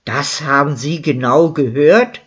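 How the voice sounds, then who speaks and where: Narrator voicing a curt formal policeman, sceptical, slow, lo-fi sound. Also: fairly high pitch, slightly rough. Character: stern male village policeman, sceptical. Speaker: character in a crime story. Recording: dull lo-fi recording.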